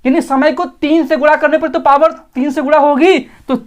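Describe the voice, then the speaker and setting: In an online exam-prep session, a male maths teacher explains step by step at a slow pace, frequently checking that students understand. His very high voice stays steady in tone.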